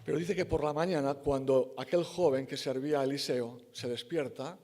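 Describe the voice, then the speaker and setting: A man's voice: medium pitch, steady tone, moderate pace, warm tone. A man preaching a sermon in church, emphatic and conversational, correcting himself and acting out the quoted lines.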